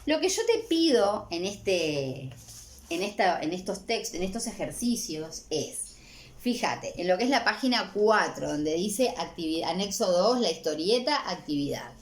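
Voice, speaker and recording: Woman language teacher, Uruguayan accent, animated lively pitch, keeps asking "¿sí?" to check in. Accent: Uruguayan Spanish. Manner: warm, checks in with repeated "¿sí?". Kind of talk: recorded exam-prep lesson.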